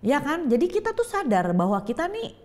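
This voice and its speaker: A middle-aged woman giving an emotional personal testimony as a talk show guest, telling her story with lively, acted-out storytelling. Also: high voice, a little fast. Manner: lively storytelling, acting out quoted voices.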